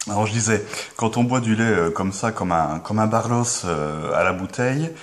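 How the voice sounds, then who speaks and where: Deadpan Belgian man, low voice. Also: normal speed. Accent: Belgian French. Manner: hesitant, full of filler sounds, with sudden mock-outraged yelps. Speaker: comedy vlogger. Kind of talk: deadpan comic monologue to camera.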